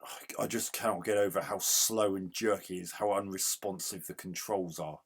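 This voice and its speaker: A man giving casual gameplay commentary as a retro game reviewer, grumbling in exasperation and yelling at the game. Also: sits low, steady tone, moderate pace, breathy edge.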